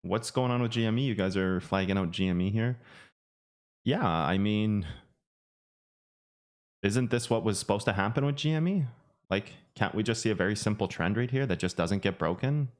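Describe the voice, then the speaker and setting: On a casual livestream, a finance YouTuber chats in a rambling way, full of fillers and restarts. His voice is on the low side with lively intonation, and he moves at a moderate pace, pausing often.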